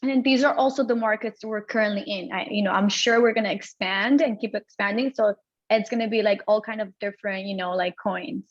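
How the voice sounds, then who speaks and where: A woman's voice: mid-range voice, fairly quick. Casual woman co-presenter, dull audio. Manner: loose, many fillers like "you know". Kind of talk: casual advice.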